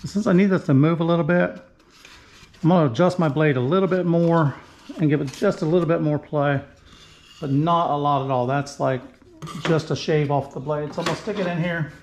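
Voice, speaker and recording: A middle-aged woodworking channel host talks casually through each step of a project as he works in his home shop, in a fairly high, slightly quick, somewhat mellow voice. He's plain-spoken and narrates every move. A camera mic picks him up in an echoey garage with faint background noise.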